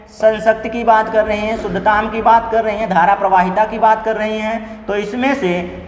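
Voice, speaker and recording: A man with a fairly high voice teaches an exam-prep lesson, going through practice questions one by one and repeating each key point. His voice rings in a roomy space with a long reverb tail and a faint hiss underneath. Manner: repeats each point, mixing read-out Sanskrit with Hindi explanation, teasing asides. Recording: echoey room with long reverb, faint noise.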